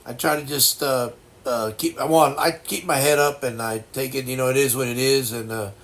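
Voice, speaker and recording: A man in his sixties chatting casually as a livestream host, with a blocked-nose sound and a halting, reflective, folksy way of reassuring people. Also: mid-range voice, steady tone, a bit bright. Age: 60s. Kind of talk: casual chat.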